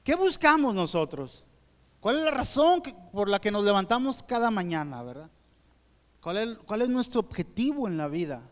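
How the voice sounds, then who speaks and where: A man's voice: high voice, sing-song, normal speed. A man with a Mexican accent preaching a sermon to his congregation in a church auditorium, talking conversationally and often checking that they agree. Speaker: pastor. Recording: long reverb of a church hall.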